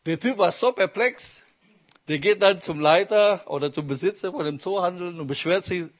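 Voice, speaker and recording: A man's voice: sits high, normal speed. A man preaching a sermon with emphasis, asking the congregation questions as he goes.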